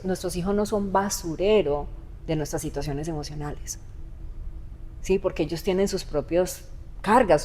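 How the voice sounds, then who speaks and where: Low-voiced woman teaching emphatically. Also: dark tone. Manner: emphatic, instructive, repeats points with rhetorical "¿sí?". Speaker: host and mother.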